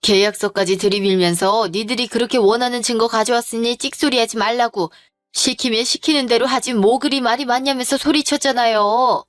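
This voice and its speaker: A woman's voice: a little high, steady tone, brisk, no echo, studio quality, soft background music, lightly acted. A woman voicing an aggrieved young female shop employee in an audio drama, complaining and accusing.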